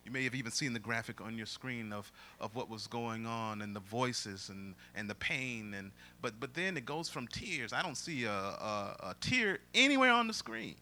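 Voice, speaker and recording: A male pastor preaching a sermon, booming and drawn out when he reads scripture and dropping low for his asides. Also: lively intonation, moderate pace, hardly any pauses, sharp tone, slight background noise.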